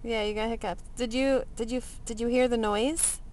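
A woman's voice: fairly high pitch, fairly even intonation, normal speed, a little mellow. A woman casually asking questions as she films inside a car. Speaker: person filming and asking questions. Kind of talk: casual chat. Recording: noisy handheld camera audio in car.

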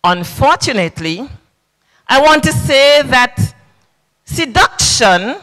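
Speaking into a handheld mic at a podium in a big, echoing hall, a government official in her fifties preaches at a public service church service. Her bright, high-pitched voice is slow and expressive, with emphatic, sing-song repetition, and the large room adds long reverb.

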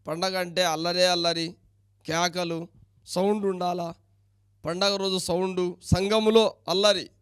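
A man preaches, his voice pitched high and ringing clear. He presses the congregation with quick questions and reads scripture between them. The sound is close and dry, with little room echo. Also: a bit bright. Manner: preaching with rapid rhetorical questions, reading scripture aloud. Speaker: pastor. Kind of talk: sermon.

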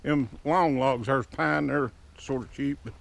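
Gravelly-voiced man touring a sawmill. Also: mid-range voice, measured pace. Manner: folksy rural dialect with double negatives. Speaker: sawmill owner. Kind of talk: casual walkaround tour. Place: outdoor sawmill yard. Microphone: head-mounted action camera.

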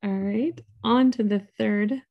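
A woman running the polls in an online meeting, speaking in a calm, matter-of-fact way over a video call. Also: medium pitch, slow, phone-quality sound.

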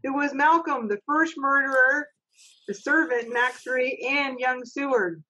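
A middle-aged woman, acting as stage manager for an online reading, cheerfully thanks each reader on a casual group video call from her home office. Upbeat, encouraging and brisk, her high-pitched voice sounds pushed and bright, picked up by a webcam in a low-quality recording.

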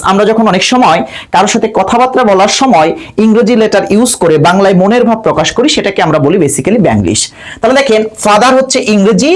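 Young male tutor with a high voice, patient, step by step. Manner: patient, explains step by step, addresses students directly. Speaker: teacher. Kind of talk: lesson narration.

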